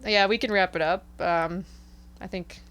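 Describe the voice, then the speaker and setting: A woman's voice: lowish voice, steady tone, unhurried, fairly bright tone, clear, resonant tone. A woman co-hosting a podcast, chatting in an easygoing way with fillers. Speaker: podcast co-host. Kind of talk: casual chat.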